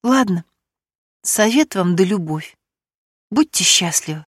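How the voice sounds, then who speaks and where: Meek abandoned woman, quiet and downcast, dry close audiobook read, done by the woman reader. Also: medium pitch, expressive, slow pace, dry recording. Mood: dejected. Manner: subdued, quiet, sniffling.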